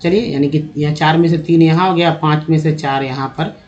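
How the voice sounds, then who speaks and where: A man's voice: on the high side, fairly even intonation, a little mellow, lo-fi sound, slight background noise. Man teaching English word by word. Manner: repeats each word slowly and spells it out; addresses viewers as friends. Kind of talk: spoken English lesson.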